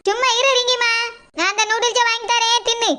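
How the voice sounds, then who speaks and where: Woman as a grumbling, sarcastic daughter-in-law, very high and bright voice, comic skit. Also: steady tone, fairly quick. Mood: scolding. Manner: grumbling, scheming, sarcastic muttering. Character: scheming, grumbling young daughter-in-law and mother.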